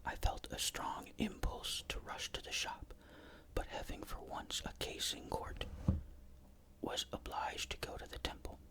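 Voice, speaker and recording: A storyteller whispers a literary ghost story without voicing the words. The whisper is breathy and crisp-edged, with a bright, sharp sound. The phrasing is measured and careful throughout. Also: low-quality recording.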